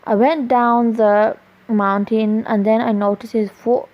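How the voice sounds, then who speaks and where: A woman reading her own romance story aloud in a plain, halting way with small restarts, in a dull lo-fi recording. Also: fairly high pitch, little pitch movement.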